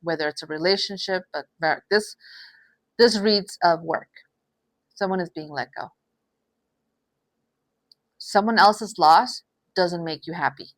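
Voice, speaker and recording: A woman with a slightly low voice gives a tarot reading in a halting, sympathetic way. She stumbles, repeats phrases and sighs between thoughts. The sound is dry and close, with little room echo. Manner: hesitant, repeats phrases, many restarts; sighs often. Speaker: tarot reader.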